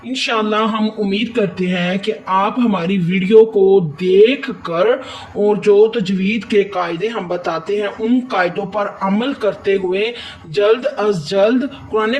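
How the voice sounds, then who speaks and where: A man with a Pakistani Urdu accent teaching tajweed, explaining each letter and then reciting words slowly and drawn out. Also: sits high, distant mic. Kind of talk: tajweed lesson with slow recitation.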